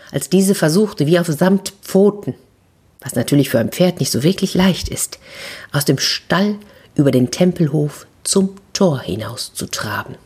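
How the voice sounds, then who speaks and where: Low, husky woman telling a fairy tale. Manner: expressive, with slow, dramatic pauses. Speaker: children's storyteller. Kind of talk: fairy tale narration for children.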